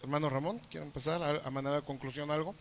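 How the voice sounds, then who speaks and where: A man's voice: fairly high pitch, steady tone, fast talker, big-room sound, slight background noise. A man moderating a church panel discussion, conversational and often ending points with tag questions.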